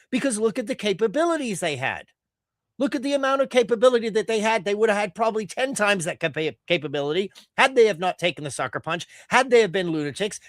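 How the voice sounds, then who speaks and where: A man's voice: very high voice, dry recording, clean studio sound. A man giving ranting political commentary in a heated, profane and sarcastic manner. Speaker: streamer.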